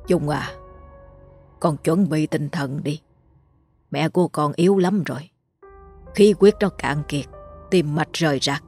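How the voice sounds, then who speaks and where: A woman voicing an old male village healer who speaks slowly and heavily. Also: deep voice, a little mellow, slightly rough, soft background music, heavily acted. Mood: grave. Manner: slow and heavy-hearted.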